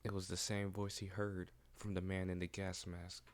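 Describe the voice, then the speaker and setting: A man's voice: sits low, monotone, normal speed. A man streaming and reading a visual novel aloud, plain and casual, with asides.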